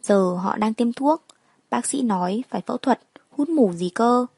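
A woman's voice: fairly high pitch, lively intonation, moderate pace, vocal fry, a little mellow, breathy edge, dry recording, heavily acted. A woman voicing an anxious, plain-spoken middle-aged mother in a spoken story. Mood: worried.

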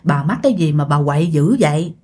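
A stern elderly village woman, as a woman storyteller puts her on, speaking low and quiet. She gives firm commands, unafraid of the spirit in this spoken ghost story. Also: lively intonation, brisk, breathy edge.

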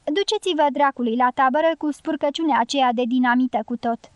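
A woman's voice: high-pitched, no room sound, lightly acted. A woman reading the lines of a joking, careless male guerrilla sentry in an audiobook, in a teasing, mocking manner.

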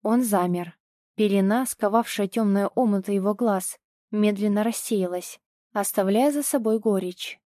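A woman's voice: mid-range voice, normal speed, warm tone, dry recording, clean studio sound. A woman reading a first-person audiobook with tense, emotional storytelling. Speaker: audiobook narrator.

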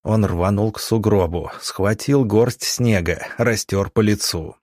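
A male audiobook narrator with a low voice reads in a measured, dramatic way. The sound is dry and close, with no room echo. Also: darkish tone.

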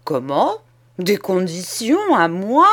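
A woman voicing an irritable, harsh old male schoolmaster who speaks gruffly and impatiently in an audiobook. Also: mid-range voice, huge pitch swings, slow pace, a bit bright, exaggerated voice. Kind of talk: audiobook character reading.

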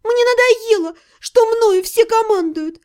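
A woman's voice: takes it slowly, darkish tone. A woman voicing a rebellious teenage younger sister who whines and cries as she argues. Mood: tearful. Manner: crying, whiny, shrill.

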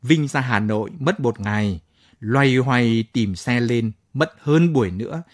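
A man narrating a late-night audio story in a calm, measured way. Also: medium pitch, no room sound, studio quality. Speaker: story reader.

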